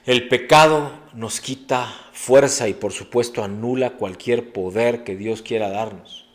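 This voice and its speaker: A man's voice: medium pitch, unhurried. A middle-aged man preaching a sermon as a pastor, earnest and preacherly, with sudden emphatic rises.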